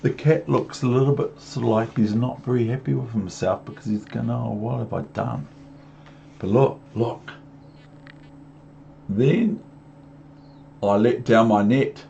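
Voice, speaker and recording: A man from New Zealand reads a picture book aloud to young children, adding chatty asides and questions. His mid-range voice is mellow, creaky and unhurried, with frequent pauses, and his delivery is rhythmic and repetitive, talking down to his young listeners. It's a muffled lo-fi home recording with background noise.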